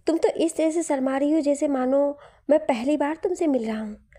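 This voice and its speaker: A woman's voice: high-pitched, normal speed, warm tone, voice pushed up, close to an everyday voice. Woman reading a teasing young man. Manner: playful, teasing.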